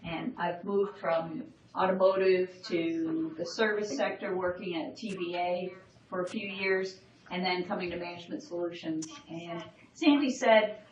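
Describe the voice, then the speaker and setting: A woman's voice: lowish voice, fairly even intonation, moderate pace. A woman co-presenting a workshop, introducing herself plainly with friendly, light teasing. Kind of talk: casual seminar talk. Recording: roomy, dull, from a distance.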